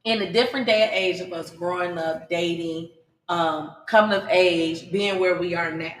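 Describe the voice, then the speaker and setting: A woman's voice: fairly low pitch, fairly even intonation, moderate pace, slight background noise. A woman in her forties hosting a podcast, chatty and asking her guests questions. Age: 40s. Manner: chatty, laughing, asks questions. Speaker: podcast host. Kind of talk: casual chat. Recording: roomy echo.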